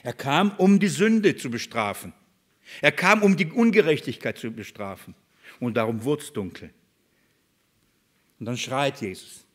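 Preaching to his flock, a man asks questions only to answer them on his own, his delivery rising to loud passages and dropping to hushed ones. He has a medium-pitched, animated voice, taking his time and pausing frequently.

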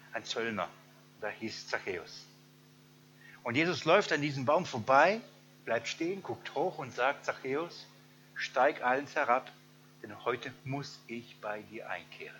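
A middle-aged man preaching a sermon, animated and often acting out the people in his story with a laugh. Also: mid-range voice, slight background noise. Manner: animated, acts out quoted voices, laughs often.

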